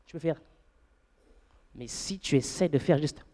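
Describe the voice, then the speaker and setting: A man doing a stand-up comedy set on stage, playful and animated, breaking into falsetto and shouts for gags. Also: unhurried. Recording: live club with audience.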